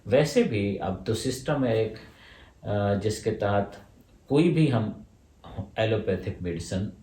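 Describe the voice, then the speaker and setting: A lower-pitched man answers questions as a homeopathic doctor. He explains step by step, laying out his points one after another. His voice sounds set back from the microphone in an echoing room. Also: expressive, slow, dark tone, recorded from a distance. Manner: explanatory, lays out points in order. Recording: roomy echo, voice from away from the mic.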